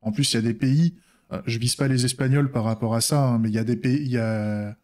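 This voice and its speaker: A man's voice: mid-range voice, steady tone, quick pace, darkish tone. Male game developer from France, casual meandering delivery, lots of fillers. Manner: rambling, many restarts and filler words. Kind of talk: casual devlog chat.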